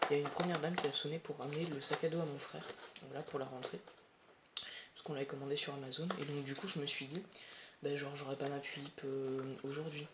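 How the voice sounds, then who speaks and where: Excitable teen rambling over rustling plastic. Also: mid-range voice, heavy background noise. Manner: excited, rambling, swears often. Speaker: doll collector vlogger. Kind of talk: casual unboxing chat. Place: at home, indoors. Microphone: phone camera. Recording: echoey room with loud plastic rustling. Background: crinkling bubble wrap and plastic.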